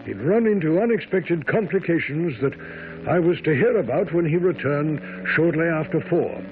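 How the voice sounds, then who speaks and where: An actor playing a loyal, genteel doctor who politely recounts a detective's case in a radio drama. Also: male voice, fairly high pitch, lively intonation, normal speed, noisy background, close to an everyday voice. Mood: reflective narration. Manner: polite, storytelling. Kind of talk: 1970s radio drama narration and acting. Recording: tinny old radio broadcast, music behind.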